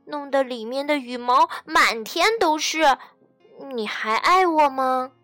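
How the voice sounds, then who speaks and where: A woman's voice: sits high, takes it slowly, pushed and bright, no echo, soft background music, full character voice. A woman voicing an eager, anxious little girl in a bedtime storybook, asking pleading questions in a childlike way.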